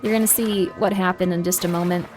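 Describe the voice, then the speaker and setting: A woman streaming live chats casually and playfully, reacting aloud as she plays a game. Her voice is on the low side and darkish, with a steady tone and quick pace, and video game music stands out behind her.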